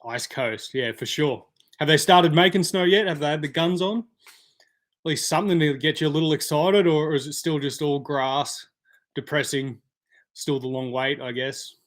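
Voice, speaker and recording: A man's voice: a little high, normal speed. A man hosting a casual live stream, chatting and answering viewer comments by name. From Australia.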